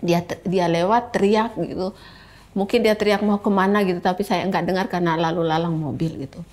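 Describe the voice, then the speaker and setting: A woman's voice: lowish voice, fairly even intonation, brisk, darkish tone. A woman telling her personal story in an interview, speaking to the host as "Kak" and acting out the voices of the people in her story. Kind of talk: emotional personal testimony in an interview.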